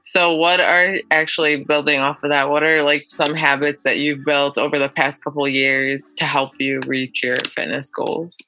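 A young woman hosts a podcast in a casual, friendly way, laughing often and scattering "um" through her questions. Her voice sits low for a woman but has a bright, forward edge. Soft music plays faintly behind her. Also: little pitch movement, moderate pace, hardly any pauses, rough recording. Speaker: podcast host. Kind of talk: casual interview chat.

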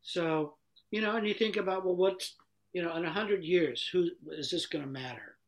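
This person talks in casual conversation, telling a joke and giving advice at a middling pitch. The delivery is halting and full of ums and restarts. The tone stays encouraging. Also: rough recording.

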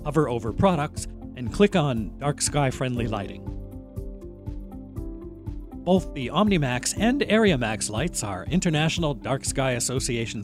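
A man reading a polished, scripted sponsor ad. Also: mid-range voice. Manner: polished and promotional. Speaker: ad reader. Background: music.

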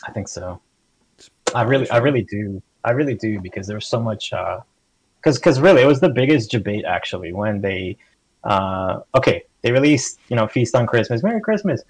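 A man's voice: on the low side, moderate pace, husky, dry recording, rough recording. A man talking casually about a game on a podcast, rambling with many restarts and acting out quotes. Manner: rambling, restarts often, acts out quotes animatedly. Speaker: podcast guest. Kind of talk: casual gaming discussion.

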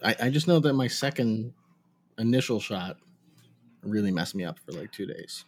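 A man's voice: lowish voice, animated, moderate pace. A man co-hosting a podcast in casual chat, somewhat hesitant and repeating short phrases. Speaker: podcast co-host.

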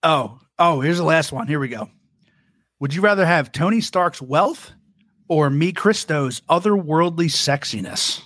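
A man's voice: a little high, expressive, measured pace, fairly bright tone, no echo, clean studio sound. A man hosting a casual podcast chat, chatty and reading out listener comments. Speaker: podcast host.

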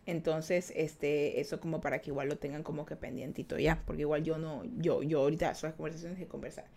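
A woman's voice: low-pitched, level tone, a little fast, vocal fry, warm tone, slight background noise. A woman, chatting casually as a streamer reading her live chat, teasing and laughing often. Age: 20s.

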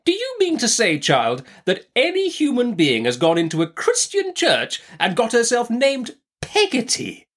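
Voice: medium pitch, sing-song, moderate pace, a bit bright, pitched above the performer's own voice. A narrator voicing a brusque, imperious older great-aunt in an audiobook, emphatic and commanding. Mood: indignant.

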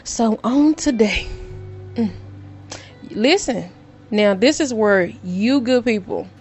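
A middle-aged woman vlogging to her viewers in a casual, storytelling way, excitable and given to dramatic repetition. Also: on the high side.

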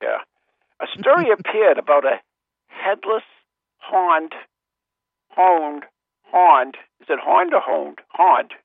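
A man's voice: on the high side, lively intonation, slow, creaky, pauses often, no room sound. A man co-hosting a talk show over a phone line with a headset, his voice thin and tinny. He chats and tells stories in a rambling, joking way and often trails off mid-sentence. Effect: tinny sound through a phone-line headset mic. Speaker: co-host of a paranormal talk show. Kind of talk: casual radio chat and storytelling.

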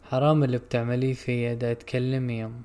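A man voicing a grieving son, hushed and choked. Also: medium pitch, level tone, quick pace, smooth, close to an everyday voice. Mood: tender pleading. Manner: soft, choked, pleading whisper. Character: grieving middle-aged son pleading with his dying mother.

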